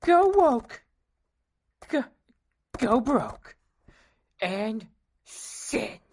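A man voicing a whiny, outraged male nerd fanboy in a shrill, melodramatic rant. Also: sing-song, extremely slow, a little mellow, heavily acted.

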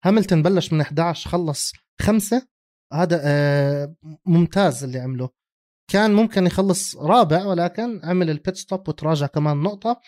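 A man with a Levantine Arabic accent co-hosts a motorsport podcast, keeping the sports talk casual and sprinkling in English terms. His voice is fairly high, a little mellow, and fairly quick.

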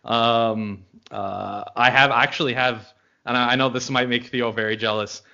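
Bright-voiced American podcast host. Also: male voice, mid-range voice, normal speed, gravelly, clear, resonant tone, muffled recording. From Los Angeles, United States. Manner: relaxed, filler-heavy, friendly. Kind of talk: casual podcast chat.

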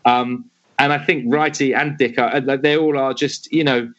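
A man in his thirties, a podcast guest telling an animated anecdote in casual chat. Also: moderate pace, dull audio. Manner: animated anecdote-telling, swoops high when quoting himself. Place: home in Los Angeles.

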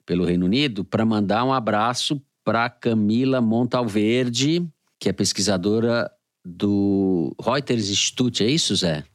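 A man's voice: fairly low pitch, measured pace, no room sound, clean studio sound. A man with a Brazilian Portuguese accent co-hosting a political podcast, reading listener letters aloud in a wry, playful way. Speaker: podcast co-host.

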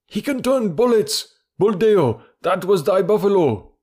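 A man voicing hostile, superstitious villagers in a storybook reading, shouting shrilly in alarm. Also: high voice, sing-song, measured pace, voice pushed up, heavily acted. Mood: angry alarm.

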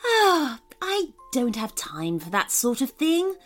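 A woman's voice: high voice, sing-song, slow, soft background music, pitched above the performer's own voice, full character voice. A woman voicing a haughty female owl who speaks in a pompous, dismissive way.

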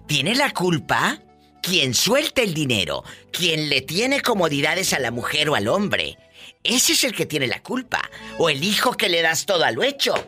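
A man's voice: a little high, huge pitch swings, measured pace, pushed and bright, faint music behind. A man hosting a live radio call-in show, flamboyant, gossipy and teasing.

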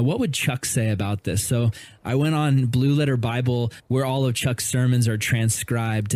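Male host, earnest casual chat, mid pitch, dry close mic. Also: darkish tone, no room sound. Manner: earnest, conversational, many fillers. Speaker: podcast host.

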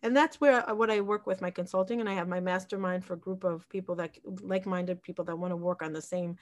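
A podcast guest and community founder, this woman in her forties grew up in Israel and talks quickly in a fairly low, steady voice. She is reflective and casual, often restarting and using fillers as she collects her thoughts.

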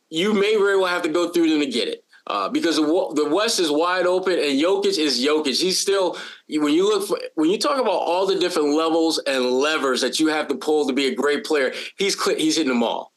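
A man co-hosting a sports podcast in casual chat, talking in an animated, lively way with frequent restarts and playful bits. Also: a little high, fairly quick. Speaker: podcast co-host.

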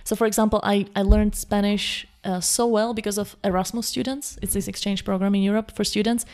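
Speaking fairly quickly in a darkish, medium-pitched voice with fairly even intonation, a young woman from Slovakia chats casually as a guest about language learning. She has a Slovak accent and comes across eager and thoughtful, frequently starting over mid-thought.

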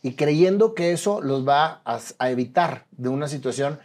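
Mexican-accented male host, higher voice. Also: animated, moderate pace, a little mellow. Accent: Mexican Spanish. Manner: casual, friendly questioning with slang. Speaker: podcast host. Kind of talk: interview conversation.

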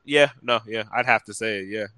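A man's voice: lowish voice, fairly quick, pushed and bright, clear, resonant tone. A man in a casual debate chat as a podcast panelist, talking in slangy, bro-heavy hype.

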